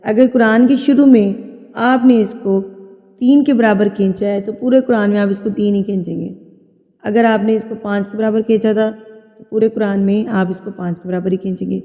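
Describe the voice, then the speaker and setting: A woman teaching Quran tajweed, explaining rules patiently, repeating terms and checking understanding, with slow drawn-out recitation in between. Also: medium pitch, steady tone, mellow, long reverb tail.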